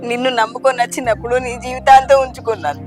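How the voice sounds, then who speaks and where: A woman's voice: a little high, steady tone, close to an everyday voice. A woman playing a pleading young village wife. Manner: pleading, quick. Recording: background music under dialogue.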